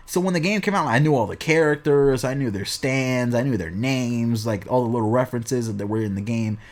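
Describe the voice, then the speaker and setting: A young man hosting a casual podcast, talking fast and animated with plenty of swearing and banter. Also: medium pitch. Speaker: podcast host.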